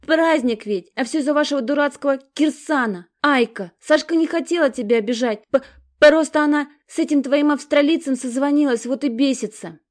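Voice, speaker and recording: A woman reading an audiobook, voicing a timid, whiny youngest sister who stammers and pleads in a high voice. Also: a little fast, lightly acted. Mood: pleading.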